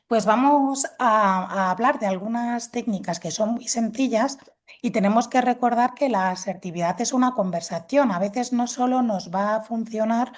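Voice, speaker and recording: A woman's voice: fairly high pitch, normal speed. A woman, a guest expert patiently explaining assertiveness techniques and acting out example dialogues. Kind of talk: explanatory talk with acted examples.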